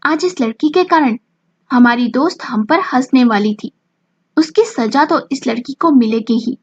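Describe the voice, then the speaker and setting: A stern grandmother scolds in stiff, formal words, as a woman storyteller puts her on. The voice sits fairly high with a husky edge. It comes through a dull, lo-fi recording. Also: a little slow, full character voice. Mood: stern scolding. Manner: formal, scolding, uses royal we. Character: stern commanding grandmother, a strict mother-in-law.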